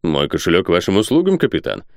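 A man's voice: deep voice, wildly swooping pitch, no room sound, clean studio sound, full character voice. A man doing a cold, reserved count. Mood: cool. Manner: cold, measured. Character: cool, reserved male count.

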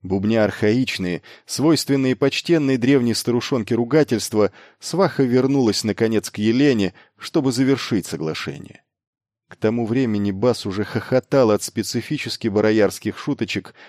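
A man narrating an audiobook in a measured, even reading. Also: on the low side, no echo, studio quality. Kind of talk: scripted narration.

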